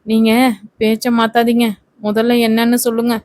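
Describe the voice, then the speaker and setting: A woman's voice: on the high side, monotone, moderate pace, darkish tone, no echo, close to an everyday voice. Woman voicing a young actress, indignant. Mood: defiant. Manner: indignant, complaining. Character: young actress, daughter, quick-tempered and childish.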